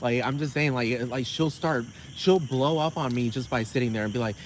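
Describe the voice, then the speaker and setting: A man's voice: medium pitch, brisk, a little hiss or hum, low-quality recording. A man from the United States on a casual, rambling rant, sassy and profane, often asking rhetorical questions.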